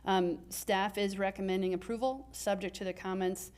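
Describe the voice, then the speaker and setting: A woman's voice: mid-range voice, fairly even intonation, moderate pace, a little mellow. A woman from city planning staff, explaining a development plan step by step to a council, with frequent ums and uhs. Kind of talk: presenting a staff report.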